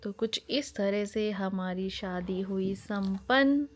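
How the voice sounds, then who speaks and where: A woman's voice: medium pitch, slow pace, background noise. A woman, chatting animatedly as she shows her wedding album in a family vlog. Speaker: family vlogger. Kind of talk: casual chat while showing wedding album.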